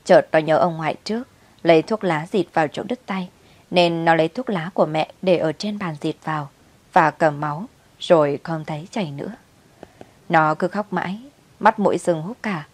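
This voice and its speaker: A woman narrating a family story in a steady, brisk storytelling manner. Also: low voice, no echo.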